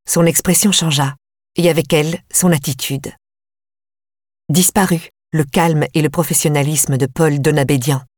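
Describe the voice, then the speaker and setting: Woman, audiobook narration, measured and tense, low voice, dry close sound. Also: steady tone, a little mellow, dry recording. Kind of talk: first-person audiobook narration.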